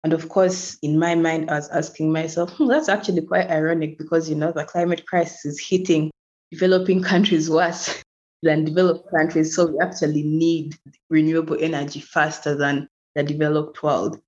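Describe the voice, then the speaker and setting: A woman's voice: sits low, steady tone, moderate pace, darkish tone. A young woman from Uganda, a climate activist, talking earnestly as a podcast guest and laughing easily. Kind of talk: podcast interview over a call. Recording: dull lo-fi remote audio.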